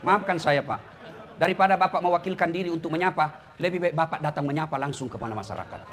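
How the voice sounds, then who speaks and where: A man's voice: a little high, fast, fairly bright tone, some chatter behind. A man preaching a humorous sermon, teasing his listeners and often addressing them as "Pak". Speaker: preacher and lecturer.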